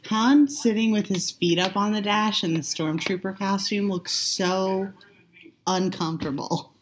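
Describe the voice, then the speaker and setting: A woman chatting casually while watching a movie, joking and trading quick asides. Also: medium pitch, slight background noise. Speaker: movie commentator.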